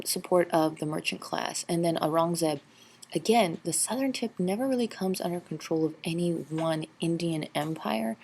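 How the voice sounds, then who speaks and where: Over a set of slides, a woman narrates a history review, explaining patiently like a teacher. Her voice is low, gravelly and darkish, and she frequently fills her pauses with um and uh. A faint hiss lies beneath the recording.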